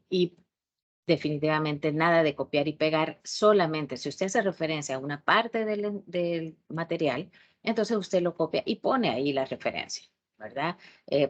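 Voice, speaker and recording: A woman with a Salvadoran accent gives an online tutorial lecture with a low voice. She talks in a strict, instructive way and often pauses on hesitation fillers while she explains. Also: dull audio. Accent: Salvadoran Spanish. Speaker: university math education tutor.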